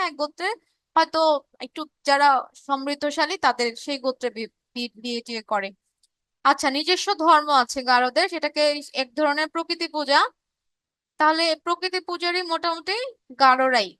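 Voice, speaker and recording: A woman's voice: high voice, pushed and bright, dry recording. A woman teacher with a Bangladeshi Bengali accent, leading a live online revision class, explaining and reading out student chat questions. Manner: reads chat messages aloud and answers students; explanatory, with frequent fillers and restarts.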